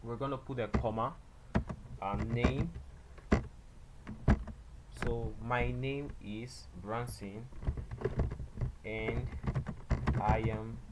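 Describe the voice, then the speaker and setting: A man giving a beginner programming tutorial, explaining step by step in a halting way and often repeating himself. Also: mid-range voice, steady tone. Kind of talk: screen-recorded coding tutorial. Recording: loud background noise and clicks.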